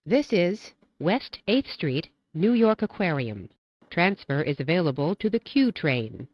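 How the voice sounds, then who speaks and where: A woman reading scripted train announcements as a transit announcer, in a measured, formulaic way. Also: lowish voice, big pitch swings, dry recording, lo-fi sound.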